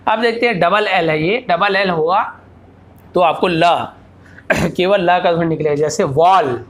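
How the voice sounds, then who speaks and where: A man's voice: sits high, a bit bright. Patient male teacher quizzing himself aloud. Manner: asks rhetorical questions, then answers them; repeats example words slowly. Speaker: English teacher. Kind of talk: explaining English phonics lesson.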